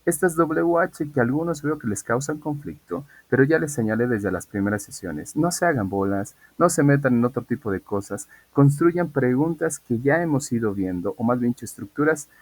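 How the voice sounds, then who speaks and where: A man's voice: mid-range voice, expressive, normal speed, few pauses, no room sound. A man teaching an English class online, explaining patiently and asking students questions.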